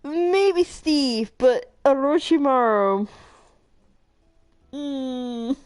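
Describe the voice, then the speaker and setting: A woman's voice: fairly high pitch, animated, unhurried, darkish tone, faint music behind. A woman hosting a live game stream, chatting casually and reading game events aloud, giggling often between lines. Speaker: streamer host.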